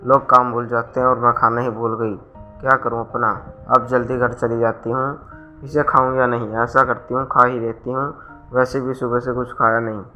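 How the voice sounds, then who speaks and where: A man voicing a meek, kind young woman, the poor younger daughter-in-law in a storybook tale, speaking softly and humbly. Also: mid-range voice, little pitch movement, moderate pace, soft background music, natural voice. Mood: gentle.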